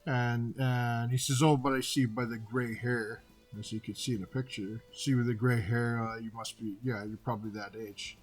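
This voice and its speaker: A man in his fifties recounts his run-ins in a loose, conversational monologue, repeating "and I said" as he acts out each exchange. His pitch sits at an ordinary middle height. Faint music plays underneath. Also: normal speed. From Canada. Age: 50s. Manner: animated retelling, acting out dialogue with repeated "and I said". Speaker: artist telling personal stories. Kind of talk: casual storytelling monologue.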